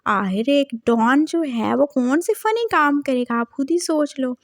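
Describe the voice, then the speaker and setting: High-voiced chatty woman storyteller. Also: lively intonation, a little slow, no echo, studio quality. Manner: chatty, addresses viewers directly. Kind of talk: casual story narration.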